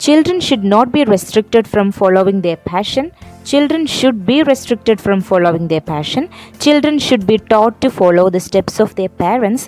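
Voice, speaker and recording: A woman teacher with a Malayali accent going through exam questions, reading English options slowly and explaining in quick asides. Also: medium pitch, a little mellow.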